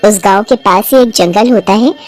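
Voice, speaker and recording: A woman narrating a cartoon story in an expressive, lively storytelling manner. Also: medium pitch, moderate pace, faint music behind.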